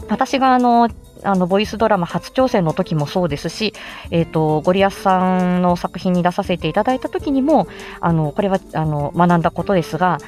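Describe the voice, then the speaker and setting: Faint music plays behind a woman whose androgynous voice sits on the low side, fairly quick and a little mellow, with lively intonation. She's an amateur voice actor casually chatting, live-stream style, about how to create voice samples.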